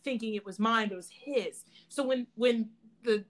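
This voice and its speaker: A young woman co-hosting a casual podcast, telling high school stories with laughter and acted-out voices. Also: unhurried. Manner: animated, laughing, acts out voices in her stories. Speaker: podcast co-host. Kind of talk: casual storytelling chat.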